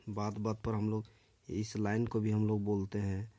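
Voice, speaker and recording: A man hosting his own channel, teaching spoken English in a slow, deliberate way, repeating each phrase and often checking in with "okay". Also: lowish voice, completely flat delivery, warm tone.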